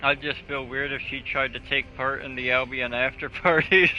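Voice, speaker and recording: There's a sharp edge to this man's medium-pitched voice, which keeps a fairly even intonation at a moderate pace. He streams a game with a friend in laid-back, joking, profane chat over slightly dull audio with game music.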